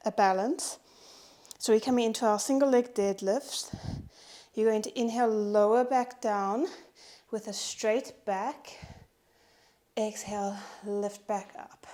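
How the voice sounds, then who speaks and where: A woman instructor coaches a Pilates strength session, counting down reps and cueing each inhale and exhale. Her voice sits a touch high and her delivery is unhurried. She sounds out of breath from working out alongside the class. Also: warm tone. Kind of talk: guided workout instruction.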